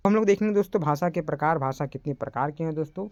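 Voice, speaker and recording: A man's voice: a little high, fast talker, a little mellow, no echo, muffled recording. A young man teaching an online class in a casual, chatty way, often calling his listeners friends.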